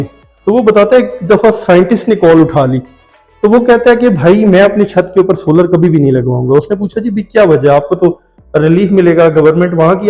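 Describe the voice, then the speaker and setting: Pakistani guy walking thru a house for sale, rambly chatty vlog talk, kinda high but dark mellow voice, bit of music behind. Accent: Pakistani Urdu. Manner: chatty, digressive, often adds "theek hai". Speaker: vlogger touring a house for sale. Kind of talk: casual walk-through commentary. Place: indoors and on a rooftop of a house.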